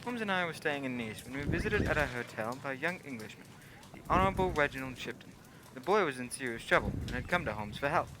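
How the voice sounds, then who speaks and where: A man's voice: mid-range voice, animated, fast talker, close to an everyday voice. A man playing a genial, loyal doctor who courteously tells his old adventures in a radio play. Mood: storytelling. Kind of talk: old-time radio play narration and dialogue. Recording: clearly noisy background.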